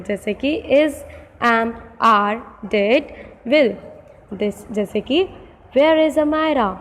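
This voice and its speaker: A woman teacher with an Indian English accent, reading English words slowly and deliberately and explaining quickly in Hindi. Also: a little high. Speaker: school teacher. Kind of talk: classroom grammar lesson. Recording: echoey room with long reverb.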